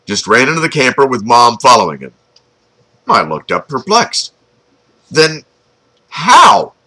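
A man's voice: medium pitch, very animated, normal speed, bright, forceful tone, low-quality recording. A man reading his own story aloud, chatty and informal, breaking off for asides and jokes to the listener. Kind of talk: storytelling narration.

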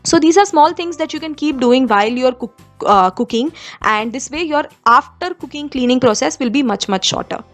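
A woman's voice: high-pitched, expressive, moderate pace, faint music behind. A young woman from India giving kitchen cleaning tips in a conversational voice-over, with frequent fillers and restarts. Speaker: home vlogger.

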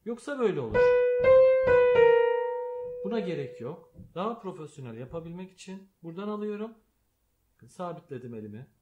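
A man's voice: a little high, very animated, fairly quick, long pauses. Turkish-speaking man teaching piano over music. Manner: calls out note names while playing, explains patiently. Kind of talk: step-by-step piano lesson. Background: piano playing.

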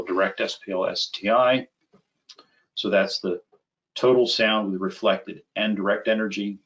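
This is a middle-aged applications engineer with a lowish voice, hosting a webinar and demonstrating software live. He explains things calmly and conversationally, step by step, from a computer in a small room, with slightly dull, band-limited sound.

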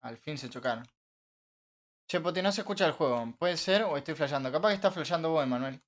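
A young man with an Argentine Rioplatense accent, chatting casually with his live-stream viewers while gaming, joking, swearing and breaking into frustrated shouts. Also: a little high, lively intonation, quick pace. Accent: Argentine Rioplatense Spanish. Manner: banters with chat, swears, bursts into frustrated shouts.

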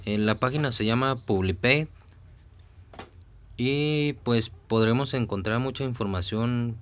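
A man talking casually over a phone screen recording, slow and hesitant with many fillers and restarts. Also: mid-range voice. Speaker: vlogger walking through a website.

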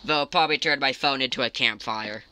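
A man's voice: mid-range voice, quick pace. A man casually commentating a game for viewers, explaining what happens, on a noisy home recording. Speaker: gaming commentator. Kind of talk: casual let's-play commentary.

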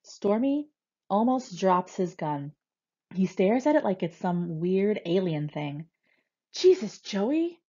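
A woman reading a first-person novel aloud with steady, expressive storytelling. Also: fairly low pitch, slow, lo-fi sound. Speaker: reader.

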